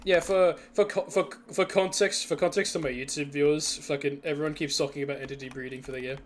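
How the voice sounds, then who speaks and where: A man's voice: fairly high pitch, steady tone, fast. A young man casually chatting on a live stream while building a game level, laughing and rambling with restarts.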